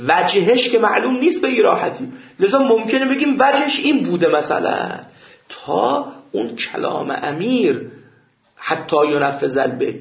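A male seminary teacher walks his class through a legal argument and tells anecdotes to drive the point home. His voice sits a little high and gravelly, with lively rises and falls. The lecture is captured in an echoey room on a dull, lo-fi recording. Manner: explains, then tells an anecdote to make a point. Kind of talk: jurisprudence lecture.

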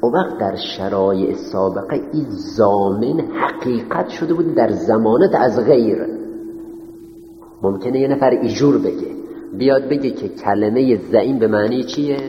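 A man's voice: medium pitch, slight background noise. A man teaching a class in a lecture style, dictating notes and putting questions to his students, then answering them himself. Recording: roomy, echoing hall on dull lo-fi audio.

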